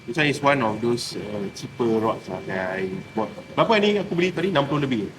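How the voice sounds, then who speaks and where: A man's voice: mid-range voice, lively intonation, fast talker. A man with a Malaysian accent hosting a casual fishing vlog in colloquial Malaysian English. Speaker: vlog host. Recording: clear background ambient noise.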